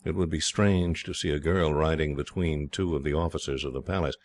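A man reads the part of a hearty young English officer, using a very deep, steady voice. The officer comes across cheerful and reassuring, calmly setting out plans like a storybook hero. The recording is brisk and dry.

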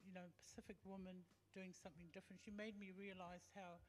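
A woman in her fifties from Tonga, talking as a guest in an on-stage interview, halting and full of fillers, holding a handheld mic. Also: medium pitch, level tone. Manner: hesitant, halting with many fillers. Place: large hall with stage and audience. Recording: long hall reverb.

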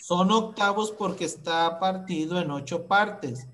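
A woman's voice: fairly low pitch, a little slow, fairly bright tone. A Mexican woman teaching a math lesson to young children, asking questions patiently.

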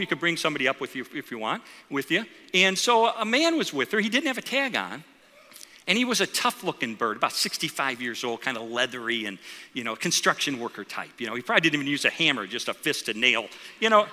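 A man's voice: sits high, pushed and bright. A middle-aged man preaching a sermon to a congregation, telling stories, acting out quoted voices and asking rhetorical questions. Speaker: pastor. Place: large church auditorium. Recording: reverberant auditorium.

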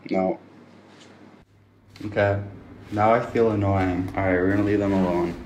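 This is a young man from Canada running a laid-back livestream from a small room, his phone held at arm's length. His low voice is steady and a little mellow, and he talks at a moderate pace. Chatty and cheerful with viewers, he also talks to himself, and there's slight background noise.

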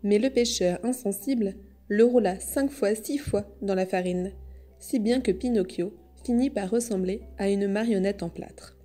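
A woman reading a classic children's story aloud in measured storyteller narration. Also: mid-range voice, mellow, faint music behind. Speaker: audiobook reader. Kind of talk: scripted narration.

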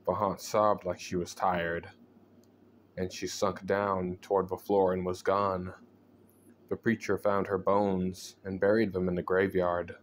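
A man reading a scary story aloud as a storyteller, in a measured, deliberate, suspenseful way with pauses. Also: low-pitched, little pitch movement, slight background noise. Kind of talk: scripted horror story narration.

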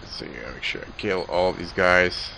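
A man's voice: sits low, expressive, unhurried, creaky, very noisy. A man giving offhand, rambling commentary as he plays a video game. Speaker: gamer commentating his own playthrough. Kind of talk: casual gameplay commentary.

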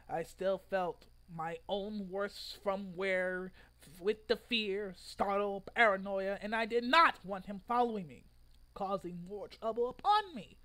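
A man in his twenties, an online video creator, gives an exaggerated, theatrical dramatic reading of a written post in a room at home. His voice sits high, the recording quality is low, and his delivery breaks into sudden loud outbursts.

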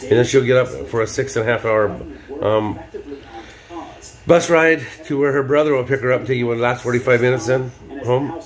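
A man's voice: mid-range voice, brisk. An older man vlogging in a casual, rambling way, full of ums and restarts. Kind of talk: casual video diary chat. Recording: busy crowd noise behind.

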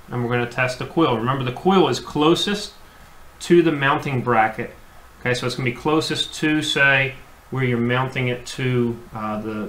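Medium-pitched and a bit bright, this man's voice belongs to an HVAC technician demonstrating at his workbench. He explains simply, says things more than once, and leans on many fillers. A faint hum runs under the echoey room sound.

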